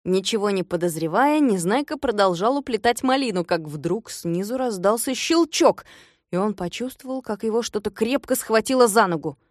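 A woman reading a children's book aloud in expressive storytelling narration. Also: mid-range voice, moderate pace, dry recording, clean studio sound.

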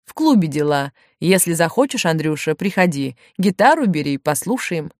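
An amused, knowing grown man, voiced by a woman reading a storybook. He explains with wry surprise, and his pitch jumps up on exclamations. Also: big pitch swings, normal speed, dry recording, clean studio sound.

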